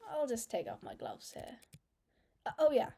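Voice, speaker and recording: A woman playing a story game, reading its lines aloud and reacting with animated, excitable commentary. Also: fairly high pitch, moderate pace, creaky, a little hiss or hum. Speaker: let's play gamer. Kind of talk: casual gameplay commentary, reading dialogue aloud. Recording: faint game music behind.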